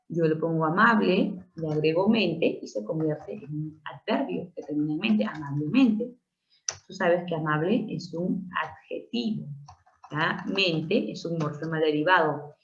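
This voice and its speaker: A woman, teaching a grammar lesson, patiently checking understanding with frequent tag questions. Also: on the low side. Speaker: language teacher. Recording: roomy, dull lo-fi recording.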